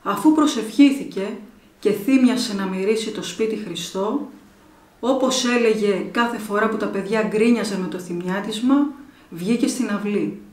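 A woman storyteller reading a folk tale aloud in a measured, expressive way, in an echoey room. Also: medium pitch. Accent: Greek.

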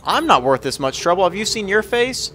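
A man's voice: high-pitched, very animated, fairly quick, bright, forceful tone, a little hiss or hum. A man hosting a gaming channel, joking playfully through casual let's-play commentary.

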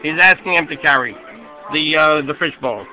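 A man reading a children's picture book aloud, pausing to explain each page in a chatty, halting way. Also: fairly high pitch, sharp tone, faint music behind, low-quality recording. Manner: chatty, explains as he goes, hesitant restarts. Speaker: storybook reader.

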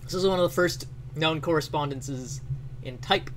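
A man in his thirties, a streamer presenting a letter, offers casual, off-the-cuff commentary and often searches for words, speaking into a close boom-arm mic in a small home bedroom with bookshelves. His voice is on the high side and fairly bright at a moderate pace, in a low-quality recording with a little hiss or hum.

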